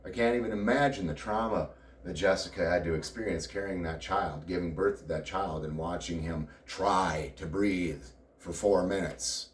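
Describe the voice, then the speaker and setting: Deep-voiced man, candid confessional talk. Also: moderate pace, few pauses, a little hiss or hum. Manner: candid, rambling, wry laughs. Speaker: vlogger. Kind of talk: personal confessional monologue. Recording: roomy sound, distant from mic.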